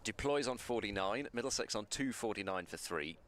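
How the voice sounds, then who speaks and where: A man giving ball-by-ball cricket commentary from a balcony box, measured and self-deprecating, often restarting his words. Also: on the low side, expressive, fairly bright tone, a little hiss or hum.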